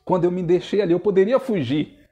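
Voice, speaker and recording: A man's voice: high voice, animated, quick pace, dark tone, highs cut off. A young adult man, preaching and telling a personal testimony to his congregation in an earnest, storytelling way. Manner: earnest storytelling, addresses listeners as brothers. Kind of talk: sermon testimony.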